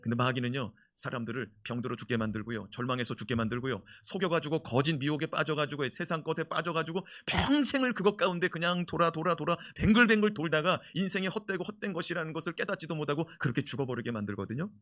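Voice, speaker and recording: A man preaching a sermon as pastor, leading the congregation in declarations and swinging between loud proclamation and quiet asides. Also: fairly high pitch, fast, hardly any pauses. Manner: emphatic preaching with call-and-response declarations.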